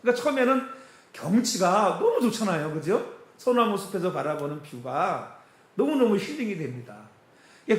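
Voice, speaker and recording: A man preaching in a roomy, echoing church hall, his voice pitched high for a man. He swings up and down with animated delivery, chuckling as he talks and tossing questions out to the congregation. The feel is a casual, story-telling sermon. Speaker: pastor. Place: church sanctuary.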